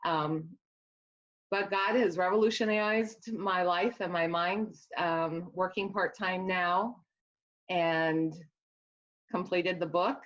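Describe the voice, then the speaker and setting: A woman's voice: lowish voice, steady tone, takes it slowly. A woman with a Midwestern accent, an author talking earnestly about her work in a casual interview, rambling a little with restarts. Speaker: author guest. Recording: dull lo-fi sound.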